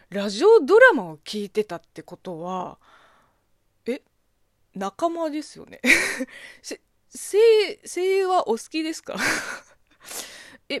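A Chinese woman whose first language is Chinese, hosting a casual radio show in which she reads listener mail, laughing often and speaking with a slightly husky, boyish voice. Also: high voice, sing-song, takes it slowly, long pauses, dry recording, clean studio sound. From China. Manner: giggly, laughs often, self-deprecating.

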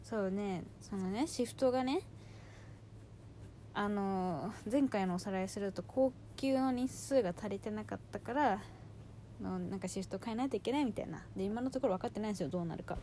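A woman in her twenties chatting casually in slangy gyaru, valley-girl style, telling stories in an animated, exasperated way as she hosts a personal audio diary. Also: medium pitch, fairly quick, a little hiss or hum. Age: 20s. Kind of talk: casual chat, venting monologue.

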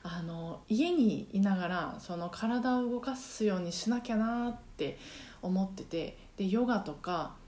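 This podcast host and singing trainer talks a little slowly in a mid-range voice with a darkish tone, recorded in an echoey room of her apartment. It's casual solo podcast talk, chatty and heavy on fillers, with short sung phrases for demonstration.

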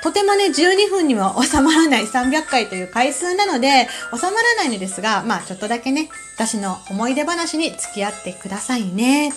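A woman from Kansai with a Kansai accent, hosting a relaxed solo talk show with a calm manner and many soft fillers. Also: high voice, fairly quick, hardly any pauses, soft background music. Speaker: podcast host.

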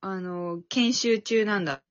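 A woman's voice: mid-range voice, a little slow. A young woman co-hosting a casual comedy podcast, firing blunt, teasing retorts. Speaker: co-host. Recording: lo-fi, muffled audio.

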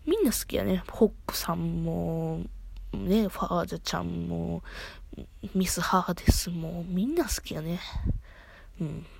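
Kansai lady rambling on her podcast, excited fan, mellow voice, dry close sound. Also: fairly low pitch, unhurried, creaky, husky, dry recording. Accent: Kansai Japanese. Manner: chatty, excitable fan talk full of restarts. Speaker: podcast host. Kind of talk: casual solo podcast chat.

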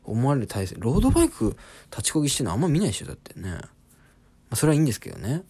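A man's voice: medium pitch, huge pitch swings, very fast, dark tone, breathy edge. A man in his twenties, a comedian hosting a podcast, telling an embarrassing story in a casual, self-deprecating comic monologue. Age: 20s.

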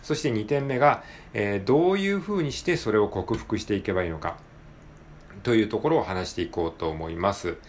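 A man hosting his own podcast, talking alone in a polite, relaxed way with many drawn-out fillers. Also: fairly low pitch, slight background noise. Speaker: podcast host. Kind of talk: casual solo podcast talk.

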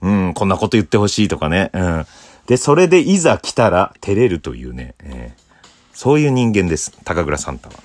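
A man's voice: big pitch swings, brisk, no room sound. A man hosting a casual solo talk show, reading listener letters and laughing at himself in a bashful way. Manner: bashful, laughs at himself, drifts between low murmurs and high bursts.

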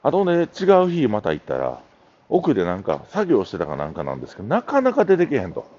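A man's voice: on the low side, huge pitch swings, fast, a little mellow, lo-fi sound. A middle-aged man with a Kansai accent, hosting a casual solo talk show and telling stories in a chatty, meandering way. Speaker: podcast host.

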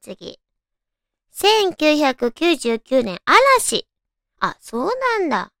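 High, cute anime-girl voice, creaky young-sounding woman. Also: very animated, very slow, fairly bright tone, no room sound, clean studio sound. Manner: chatty, musing aloud to listeners. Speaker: radio show host. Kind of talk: casual solo radio chat.

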